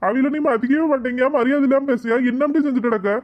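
Woman voicing a fast, bossy husband. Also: high-pitched, lo-fi sound, close to an everyday voice. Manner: bossy, calls out and orders. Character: bossy young village husband, mama's boy. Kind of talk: cartoon comedy voice acting.

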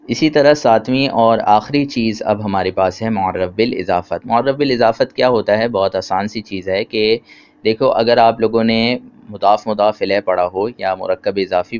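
A man's voice: on the low side, normal speed, darkish tone, smooth. A man teaching a grammar lecture, explaining patiently with simple examples and asking questions. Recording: dull lo-fi sound.

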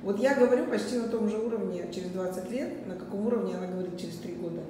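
A middle-aged vlogger with a Russian accent chats casually and asks questions while interviewing a child. Her medium-pitched voice is very fast. The recording is distant and noisy, with heavy echo from a hard-surfaced open kitchen-dining room.

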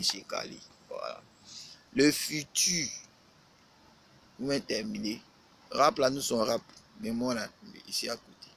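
A man's voice: mid-range voice, vocal fry, sharp tone, breathy edge, poor audio. A man, a rapper talking casually on a live stream, lecturing and scolding with lots of repetition.

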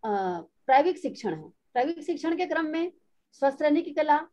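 A middle-aged woman training children's teachers in an online session, explaining slowly and mimicking bad speaking habits. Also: sits high, very animated, dark tone. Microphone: online video call. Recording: dull lo-fi online call audio.

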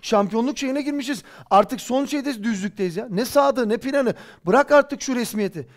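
A man's voice: extremely high pitch, moderate pace. A man in his forties giving heated post-match football commentary, impassioned and scolding. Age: 40s. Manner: impassioned, ranting, rhetorical scolding. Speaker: football pundit. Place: studio.

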